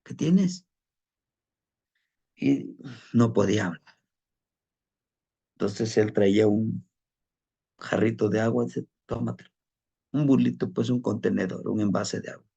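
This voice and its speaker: A man's voice: fairly low pitch, steady tone, unhurried, creaky, pauses often, dark tone, slightly rough. A man telling a personal anecdote in a casual, conversational way, often adding tag questions and repeating words as he searches for them. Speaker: storyteller of spirit lore.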